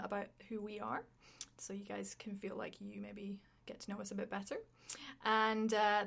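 A woman's voice: mid-range voice, gravelly, a bit bright. A woman co-hosting a casual podcast, talking with lots of ums and uhs, asking questions and laughing often. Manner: many fillers, asks questions, laughs often. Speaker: podcast co-host.

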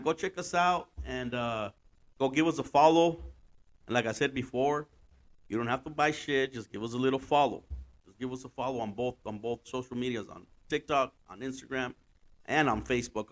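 A man's voice: mid-range voice, a bit bright. A man hosting a casual solo podcast in loose, slangy talk, repeating phrases for emphasis and swearing freely. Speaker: podcast host.

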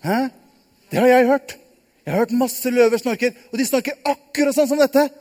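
A man telling a Bible story live to children, lively and asking them questions. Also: very high-pitched, slight background noise. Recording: long hall reverb.

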